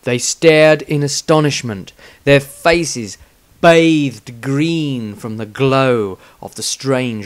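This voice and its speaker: In a mid-range voice with no echo, a man narrates a fantasy tale he wrote himself, giving it a dramatic, scripted reading. His delivery is measured and full of suspense, like a storyteller.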